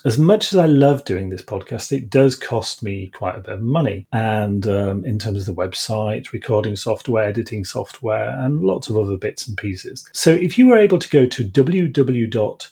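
Guy hosting a chill podcast, low husky voice, gentle and friendly. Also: expressive, moderate pace, hardly any pauses. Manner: gentle, friendly, with restarts and fillers. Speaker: podcast host. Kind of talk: casual podcast introduction.

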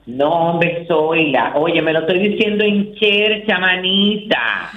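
A man co-hosting a radio talk show, talking in a theatrical, exclaiming way with big swoops in pitch. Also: expressive, slow. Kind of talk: casual studio banter. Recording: roomy, dull sound with faint noise.

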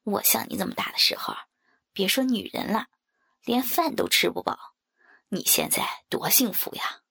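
A woman's voice: medium pitch, lively intonation, normal speed, vocal fry, sharp tone, breathy edge, voice pushed down, full character voice. Woman doing a fawning jovial uncle. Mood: coaxing. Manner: chuckling, coaxing, eager to please. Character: jovial middle-aged man, fawning uncle.

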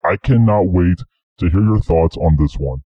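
A man's voice: low-pitched, normal speed, husky, no echo. A man leaving an upbeat, gushing voicemail for a show, his voice disguised by a voice changer. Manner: upbeat, gushing fan message. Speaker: voicemail caller. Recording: muffled voicemail playback.

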